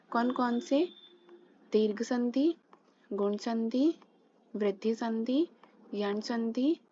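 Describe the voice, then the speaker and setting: Slow, patient woman teaching grammar. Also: a little high, no echo, dull audio. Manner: drills examples, asks and answers own questions. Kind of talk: exam-prep grammar lesson.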